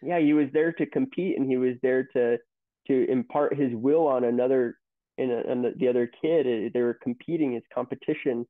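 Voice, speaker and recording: A man's voice: medium pitch, fairly even intonation, fairly quick, no echo. A man in his thirties, a company CEO, telling stories in a casual interview with many restarts. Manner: rambling, storytelling with many restarts. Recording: tinny phone-like line, dry.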